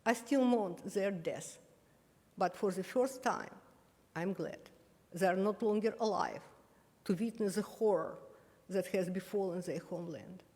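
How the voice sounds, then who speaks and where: An older woman from Kyiv, Ukraine, whose first language is Russian, reads a personal reflection as a guest speaker at a remembrance ceremony. Her mid-pitched voice has a dark tone, and she is measured and solemn, with small slips of the tongue. A long hall echo surrounds her.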